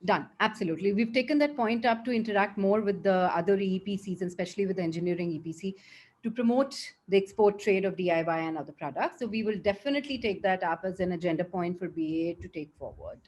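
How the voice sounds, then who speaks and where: Brisk woman chairing a meeting. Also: mid-range voice, a little mellow. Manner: brisk, affirming. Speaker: meeting moderator.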